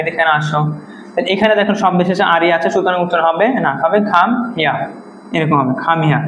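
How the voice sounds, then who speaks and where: A man with a fairly high voice runs a quick-paced pronunciation lesson, going through each rule and repeating the example words. He is recorded in an echoey room with a faint hum of ambience behind him. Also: fairly bright tone. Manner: explains step by step, repeating rules and example words. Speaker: English pronunciation teacher. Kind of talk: classroom-style spoken English lesson.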